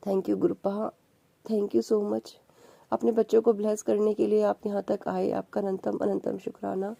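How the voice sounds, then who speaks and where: A woman's voice: medium pitch, flat delivery, measured pace, creaky, dark tone, no echo. A woman sharing a devotional testimony in a prayerful, emotional way, slipping English words into her talk. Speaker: satsang sharer, channel host.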